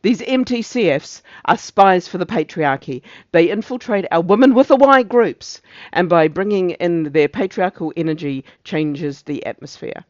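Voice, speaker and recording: Man performing a self-righteous police officer, emphatic stage oratory, satirical, higher-pitched male voice, muffled sound. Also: lively intonation, moderate pace, few pauses, dry recording. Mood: indignant zeal. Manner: declamatory, preachy, emphatic speechifying. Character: pompous, zealous gender-policing officer preaching moral outrage.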